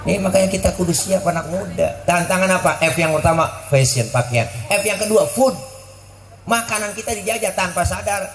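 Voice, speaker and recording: A man's voice: high-pitched, a little fast, roomy sound, soft background music. A man preaching a comedic sermon to young people, teasing and joking as he tells stories. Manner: joking, teasing, lively storytelling. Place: community religious gathering. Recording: noisy live event with crowd laughter.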